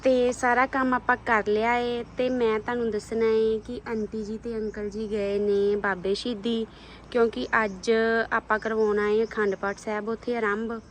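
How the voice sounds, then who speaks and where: A woman's voice: fairly high pitch, slight background noise, rough recording. A woman chatting casually as she films a daily vlog, showing viewers around a rural home and garden. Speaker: vlogger.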